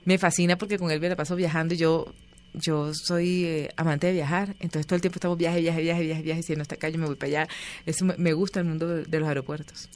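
A woman's voice: low voice, quick pace. A woman, a guest telling stories in a casual interview and acting out the voices of the people she quotes. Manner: animated, acts out quoted voices.

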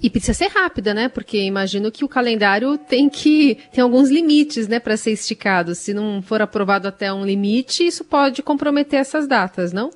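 A woman hosting a radio talk show, asking brisk questions full of tag questions. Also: a little high, lively intonation.

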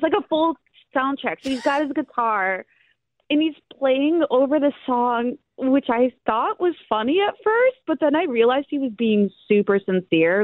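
A woman calling in to a radio show, talking in an animated, giggly rush. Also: high-pitched, no echo. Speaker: caller. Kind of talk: phone call to a radio show. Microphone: telephone. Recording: tinny phone line.

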